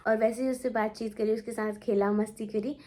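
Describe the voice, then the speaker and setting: A woman's voice: a little high, level tone, a little fast, a little mellow. A young woman chatting casually for her home vlog, rambling and repeating herself as she talks. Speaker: family vlogger. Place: at home indoors.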